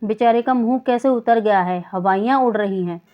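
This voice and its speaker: A woman reading the part of an anxious mother soothing her sick son in a soft, coaxing way. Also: fairly high pitch, moderate pace, lightly acted. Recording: dull lo-fi recording.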